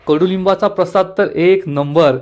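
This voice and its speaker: A playful young woman coaxes her brother, read by a man narrating a recap. Her lines are teasing and light, on the higher side. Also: normal speed, darkish tone, lo-fi sound, close to an everyday voice. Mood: coaxing.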